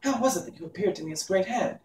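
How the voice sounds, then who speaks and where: Man putting on a high-voiced curious young girl. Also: lively intonation, rapid-fire, a little mellow, roomy sound, distant mic, a little hiss or hum, rough recording. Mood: bewildered, curious.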